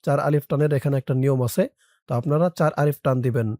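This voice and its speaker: A teacher spelling out an Arabic prayer word by word for viewers, stretching the recited words slowly and explaining quickly in between, addressing listeners directly. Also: mid-range voice, dark tone, no room sound, clean studio sound. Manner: slow drawn-out recitation, quick plain explanations.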